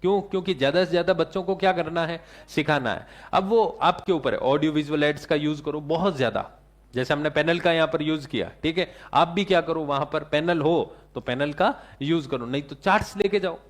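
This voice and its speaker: A man's voice: on the high side, a little fast. A male teacher giving a classroom lecture, asking the class questions and answering them himself, with English terms mixed into his talk.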